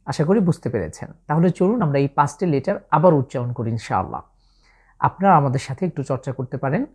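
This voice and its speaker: A woman with a Bangladeshi Bengali accent teaching Arabic letter pronunciation for the Quran, slow and patient, drawing out each letter as she demonstrates it. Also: deep voice, lively intonation, a little mellow, breathy edge.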